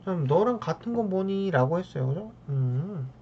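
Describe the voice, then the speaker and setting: Woman math teacher, low voice, keeps checking in with students, dull lo-fi recording with faint ambient noise. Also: lively intonation, normal speed. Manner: keeps checking in with a tag question after each step; talks to the math terms as if addressing them. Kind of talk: lecture working through problems.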